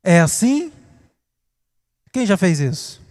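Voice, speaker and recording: A man with a Brazilian Portuguese accent preaching a sermon, dramatic, swinging from hushed to loud. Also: sits high, sing-song, slow pace. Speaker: pastor. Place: church. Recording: reverberant church hall.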